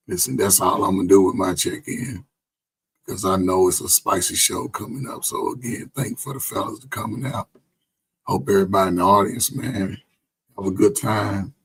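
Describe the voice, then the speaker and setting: Hoarse, low-voiced tired man hosting. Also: a bit bright, low-quality recording. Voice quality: raspy, strained. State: hoarse, voice nearly gone; tired, drained. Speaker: show host and basketball coach. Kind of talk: casual group show talk.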